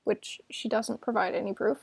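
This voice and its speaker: Sarcastic young woman with a gravelly voice. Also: medium pitch, steady tone, normal speed, darkish tone, dry recording. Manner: sarcastic, defensive, many filler "like"s. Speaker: vlogger telling a personal story. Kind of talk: casual storytime monologue.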